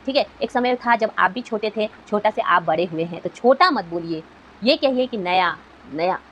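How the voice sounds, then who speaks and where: A woman's voice: medium pitch, animated, moderate pace, slight background noise, rough recording. A woman YouTuber giving an earnest motivational talk to fellow creators, asking rhetorical questions as she goes.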